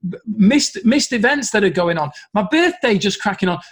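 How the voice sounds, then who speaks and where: A man's voice: high-pitched, lively intonation, moderate pace. A middle-aged man giving an earnest motivational talk to camera as a business coach, repeating phrases and restarting sentences.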